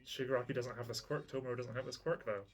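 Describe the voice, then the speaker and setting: A man hosts a reaction channel video, chatting casually and thinking out loud as he watches, now and then erupting into loud, excited shouts. His voice is medium-pitched and fast.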